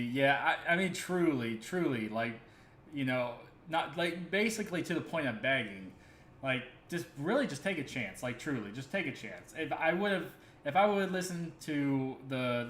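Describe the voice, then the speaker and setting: A man's voice: mid-range voice, a bit bright. An earnest man rambles through casual livestream talk, circling back with fillers and self-corrections. His mid-range voice rings in an echoey room with a faint ambient hum beneath. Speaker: crypto stream host.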